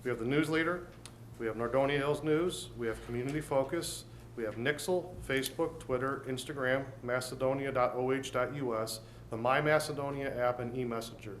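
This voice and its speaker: A mayor speaks earnestly and plainly during a city council meeting, his medium-pitched voice moving a little fast. The recording carries the roomy sound of the council chamber and a faint noise.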